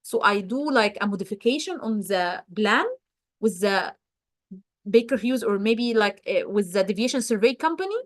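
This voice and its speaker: A woman's voice: on the high side, dry recording, studio quality. A woman presenting a geology webinar, answering questions live in a hesitant way with many fillers.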